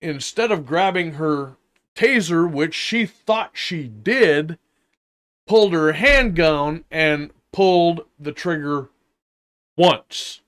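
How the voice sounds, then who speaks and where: An older man giving an unscripted, indignant opinion rant, halting and deliberate, with long pauses and emphatic repetition. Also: a little high, animated, fairly bright tone. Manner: indignant, emphatic, repeating phrases. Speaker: vlogger giving his opinion.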